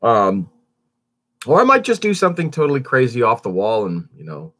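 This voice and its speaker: Rambling stuffy-nosed man with lively pitch. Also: normal speed. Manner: rambling, lots of fillers and restarts; animated, swoops up on greetings. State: stuffy, under the weather. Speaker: YouTube channel host. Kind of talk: casual morning channel update.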